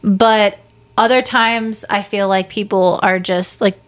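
A woman's voice: medium pitch, fairly even intonation, takes it slowly. A woman co-hosting a podcast, talking thoughtfully and hedging with "like" and "I feel like". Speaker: podcast co-host. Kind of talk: casual podcast chat.

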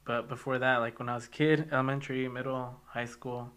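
A young man chatting casually on a podcast, telling stories with lively acted-out quotes. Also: medium pitch, brisk. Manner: animated storyteller, acts out quotes. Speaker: podcast co-host.

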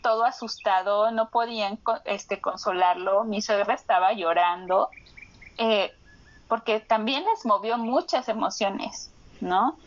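A young woman earnestly recounting a home birth, acting out remembered speech in lively bursts. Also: mid-range voice, muffled recording. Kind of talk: casual personal account.

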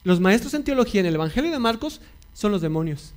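A man's voice: sits high, sing-song, quick pace, a little mellow. A male pastor preaching a sermon, repeating key phrases and putting questions to his congregation.

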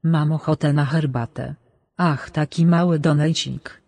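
A synthetic male voice flatly reading out viewer donation messages. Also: on the high side, unhurried, creaky, no room sound.

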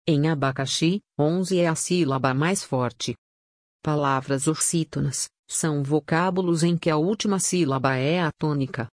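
Calm scripted lesson voice, reads definitions and word lists evenly, mid pitch, dry close sound. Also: dry recording. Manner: measured, even reading of definitions and example lists. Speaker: teacher.

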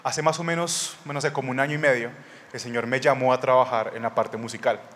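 A man of middle pitch tells his story in a plain, soft-spoken way. Faint noise runs under his voice. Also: steady tone, fairly quick. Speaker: guest musician. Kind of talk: casual testimony.

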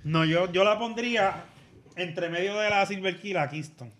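A high-voiced man with a Puerto Rican accent who swears freely and laughs through his stories. His voice is bright and forceful. It is a loose, casual chat among friends. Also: normal speed. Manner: crude, joking storyteller. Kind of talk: casual chat, beer tasting.

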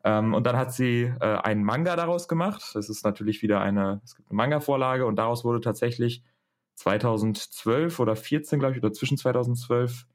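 A man's voice: medium pitch, fairly quick. A young man hosting a casual discussion, explaining in a rambling, hesitant way as he searches for words. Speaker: podcast host.

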